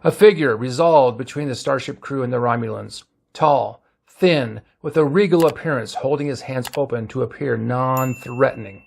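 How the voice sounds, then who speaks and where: A man reading fan fiction aloud as narrator, in a steady, plain storytelling way. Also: mid-range voice, moderate pace, gravelly, husky.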